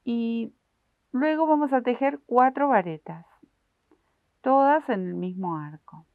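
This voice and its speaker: A woman walks viewers through a crochet pattern stitch by stitch, patient and full of little diminutives. Her voice has a gravelly fry to it. The sound is dry and thin, like it came through a phone. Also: a little high, slow pace, no room sound, phone-quality sound. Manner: patient, explains each stitch while working; uses many diminutives, addresses viewers directly. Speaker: crochet instructor. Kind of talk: step-by-step craft tutorial.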